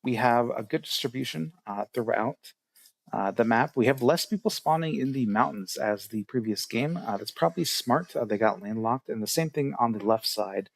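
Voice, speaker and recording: A man's voice: mid-range voice, expressive, moderate pace, vocal fry, no room sound. A man casting an online strategy game tournament, explaining rules with many fillers. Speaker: tournament organizer and caster. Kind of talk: casual game commentary.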